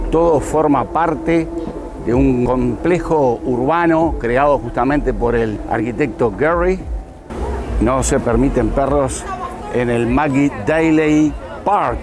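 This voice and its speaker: Chatty man vlogging a city walk. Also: medium pitch. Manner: chatty, enthusiastic tour-guide explaining. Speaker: travel vlogger. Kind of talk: casual travel vlog narration. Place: outdoors in a busy city. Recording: music playing under the voice.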